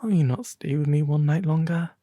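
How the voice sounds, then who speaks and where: A man voicing a sorrowful, compassionate prince statue in a storybook, soft and breathy, gently pleading. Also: on the high side, a little fast, dry recording, close to an everyday voice.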